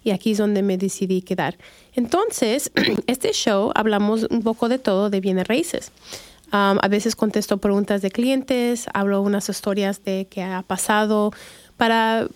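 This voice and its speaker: A middle-aged woman from Chicago, USA, who works as a real estate agent, hosts a radio show. She talks casually, with lots of fillers and restarts, in a medium-pitched voice with a darkish tone and no echo.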